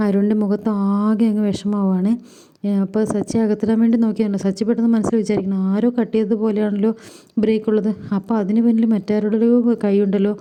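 A woman's voice: medium pitch, flat delivery, dark tone. A woman retelling a TV serial episode, reading the characters' lines within her story. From India. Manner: rapid storytelling, voicing characters' lines in quotes. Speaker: serial recap vlogger.

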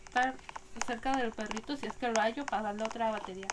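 Fast-talking, playful female gamer with a Mexican accent and a high voice, recorded with background noise. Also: steady tone. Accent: Mexican Spanish. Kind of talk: casual gameplay chat.

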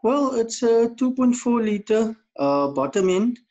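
South african guy on a podcast, high-ish voice for a man, casual, slightly muffled video call. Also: lively intonation, unhurried, dark tone. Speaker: podcast guest, amateur drag racer. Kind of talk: casual interview chat. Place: indoor room, video call.

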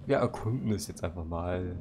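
A gaming YouTuber doing let's-play commentary, joking and talking back to the game, and haltingly reading English text aloud. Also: male voice, low voice, soft background music. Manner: joking, talks to the game and its monster. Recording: loud background noise.

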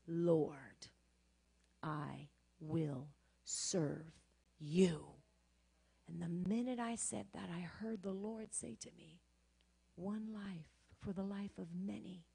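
Woman preacher, loud then hushed. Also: mid-range voice, creaky, husky. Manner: swings from loud, shouted exhortation to quiet, hushed storytelling. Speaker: pastor. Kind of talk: sermon.

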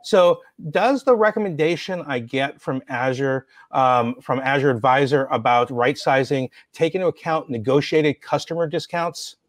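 A man's voice: fairly high pitch, normal speed, hardly any pauses, dry recording, clean studio sound. A man hosting a video-call interview, asking curious, informal questions with "um" and "like" fillers. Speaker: host.

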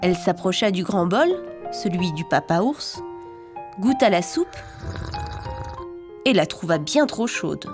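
Expressive woman reading a children's tale. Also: mid-range voice. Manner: clear, expressive, rhythmic reading. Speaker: narrator. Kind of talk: storybook narration for young children. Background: music.

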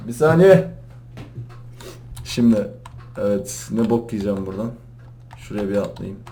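A young man gives casual commentary while playing a parkour game at his computer. His voice swings widely in pitch, from low muttering to loud yells. Keyboard clicks come through behind him. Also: unhurried. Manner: excitable, shouting and laughing at jumps. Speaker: gaming YouTuber.

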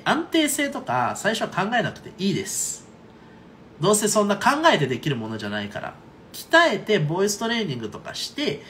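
Lively chatty male voice coach. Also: sits high, a little hiss or hum. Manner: chatty, frequent "right?" and "okay?" check-ins. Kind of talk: casual online singing lesson.

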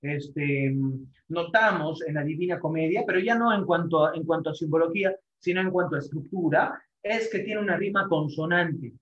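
A man's voice: a little high, normal speed, a bit bright. A male teacher giving a classroom lecture, repeating phrases and tagging his sentences with rhetorical questions between many fillers. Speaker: literature teacher. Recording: echoey classroom, dull lo-fi sound.

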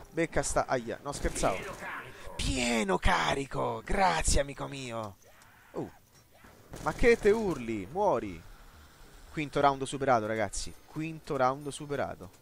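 A man's voice: fairly bright tone, slight background noise. Jokey man yelping over gameplay. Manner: jokey, talks to the game and viewers, bursts into high yelps. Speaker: gaming let's player. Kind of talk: excited gameplay commentary.

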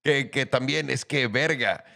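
A man's voice: medium pitch, unhurried, creaky, bright, forceful tone. A man with a Mexican accent, co-hosting a podcast, talking bluntly and with drive in casual slang. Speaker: podcast co-host. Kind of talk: casual chat.

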